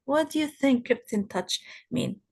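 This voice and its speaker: A woman teaches an English vocabulary lesson. She explains patiently at an unhurried pace and keeps asking her students rhetorical questions. Her voice sits a little high. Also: sing-song, gravelly, a little mellow, breathy edge. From Palestine. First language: Arabic. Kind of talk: recorded classroom lesson.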